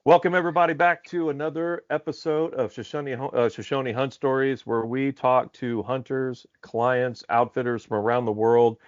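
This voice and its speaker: A man's voice: mid-range voice, little pitch movement, moderate pace, few pauses, no room sound. A man from Alaska hosting a hunting podcast, upbeat and rambling with fillers. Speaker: podcast host. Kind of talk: casual podcast interview. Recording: slightly dull lo-fi audio.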